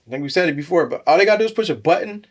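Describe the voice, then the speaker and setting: A man co-hosting a podcast, talking in a lively, animated way that jumps into quick asides and restarts words. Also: on the high side. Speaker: podcast co-host. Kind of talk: casual conversation.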